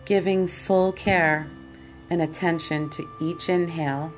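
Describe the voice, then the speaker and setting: A woman leading a guided meditation as host and teacher, in a calm, soothing, meditative manner. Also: fairly low pitch, unhurried. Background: plucked guitar music.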